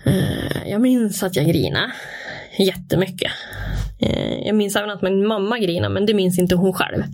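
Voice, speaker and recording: A young woman candidly telling a personal story in casual conversation, with animated delivery and frequent fillers. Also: mid-range voice. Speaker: interview guest.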